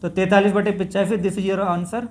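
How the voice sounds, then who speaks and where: A man's voice: sits high, level tone, moderate pace, slight background noise. North indian guy teaching maths, walks thru each step, calls students bhai. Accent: Hindi, north Indian. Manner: talks through steps, addresses students as bhai. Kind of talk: classroom maths lesson.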